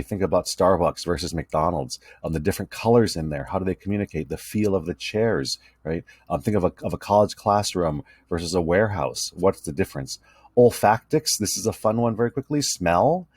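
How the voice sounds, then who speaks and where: A man's voice: low voice, expressive, brisk, darkish tone, breathy edge, no room sound. A man teaching a recorded lecture over slides, talking conversationally and often checking in with "right?". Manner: conversational, tag questions "right?" and fillers. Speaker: communication instructor.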